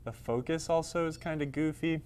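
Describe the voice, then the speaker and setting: A livestream host with a slightly high, fairly even, darkish voice rambles and jokes at his own expense while fiddling with the camera and lights in a studio space at his workplace. He talks to himself at a normal speed as he adjusts the camera, with slight background noise.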